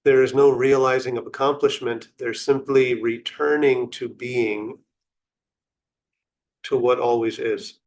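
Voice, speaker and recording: Short instructional phrases and long pauses mark this man's calm, contemplative guided meditation, delivered without hurry. He has a mid-range voice and fairly even intonation.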